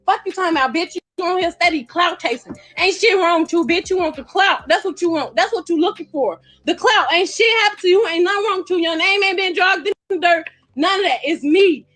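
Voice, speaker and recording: Very high, sharp-voiced woman ranting. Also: brisk. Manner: heated, profane, repetitive, shouts at times. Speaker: friend in a viral dispute. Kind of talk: angry social media rant.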